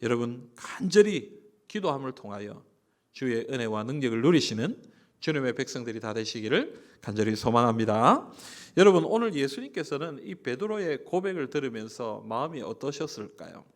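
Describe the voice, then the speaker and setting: A man from Busan with a Gyeongsang accent, preaching a sermon as pastor, moving between soft conversational asides and emphatic, rising lines. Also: mid-range voice, very animated, normal speed. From Busan, South Korea. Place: church sanctuary.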